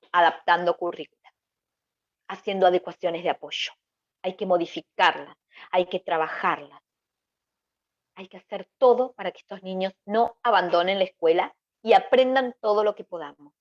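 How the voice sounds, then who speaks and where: A woman lectures over slides at a middle pitch. She explains patiently, puts rhetorical questions to her students, and checks that they follow. The recording is a little dull and lo-fi.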